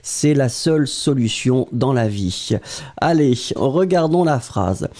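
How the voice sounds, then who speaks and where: Lively, slow-speaking male French teacher. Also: medium pitch. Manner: patient, explains step by step, spells words out. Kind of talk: live online grammar lesson with dictation.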